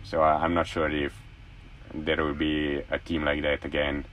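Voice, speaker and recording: Young guy in his 20s, ex college athlete, super low deep voice, rambling excitedly. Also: moderate pace, a little hiss or hum. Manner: enthusiastic, rambling. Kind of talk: casual interview chat.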